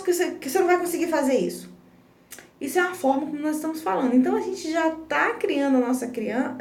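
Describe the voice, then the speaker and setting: A woman explains parenting in a casual, earnest live-stream talk, often backing up to restart a phrase. Her voice sits a little high. The phone sits back from her in a roomy, echoing space. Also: darkish tone, distant mic. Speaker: parenting educator. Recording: roomy echo, phone held back from the speaker.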